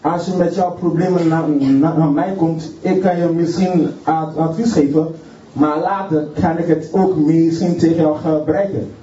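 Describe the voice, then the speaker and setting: A man's voice: a little high, fairly even intonation, dark tone, slight background noise. A man preaching a sermon with fervor, often repeating words and stopping to say hallelujah. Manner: fervent, halting, punctuates with hallelujah, many repeated words. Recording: distant, roomy, dull sound.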